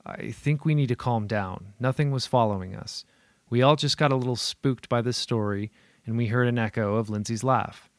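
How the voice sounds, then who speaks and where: A man's voice: medium pitch, normal speed, dry recording, lightly acted. A man playing a stubborn, dismissive male hiker who barks orders in a horror story reading. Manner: gruff, commanding.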